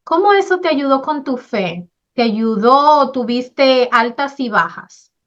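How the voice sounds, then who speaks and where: A woman's voice: high-pitched, animated, unhurried, fairly bright tone. A woman hosting a faith-based podcast interview, who affirms and encourages her guest and brings in scripture. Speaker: podcast host. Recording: slightly dull recording.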